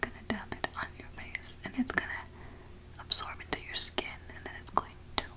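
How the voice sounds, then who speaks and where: A woman in a whispered role-play as an easygoing eye doctor, murmuring softly to a patient and pausing for replies. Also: natural voice. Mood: attentive, reassuring. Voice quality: soft, breathy, unvoiced whisper. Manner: halting, murmured one-sided conversation with pauses for replies. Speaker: ASMR performer. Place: small home office, indoors. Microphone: large microphone close beside her.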